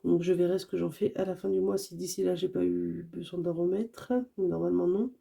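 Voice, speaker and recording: A woman who is sick with a hoarse voice, chatting casually to camera as a budget vlogger, hesitant and often correcting herself. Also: fairly low pitch, steady tone, fairly quick, dark tone. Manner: hesitant, many fillers and self-corrections.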